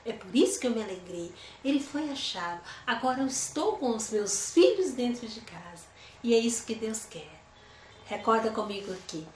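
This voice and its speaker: A woman leads a Bible study lesson in a fairly high voice. She keeps it conversational and checks in with her listeners through rhetorical questions. The sound bounces around an echoey room. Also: big pitch swings, normal speed, a little hiss or hum.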